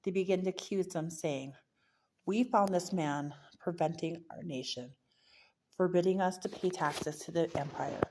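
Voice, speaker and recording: A woman's voice: fairly low pitch, a little slow, a little mellow, slight background noise. A woman reading a Bible chapter aloud, now and then stumbling and correcting herself mid-word. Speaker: scripture reader.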